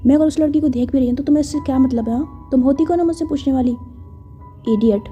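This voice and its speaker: A defiant young woman who is quick to answer back is read by a woman storyteller. Her voice is high and quick, mellow in tone. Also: lo-fi sound, soft background music, lightly acted. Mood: indignant. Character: defiant young woman, Simonika, foreign visitor.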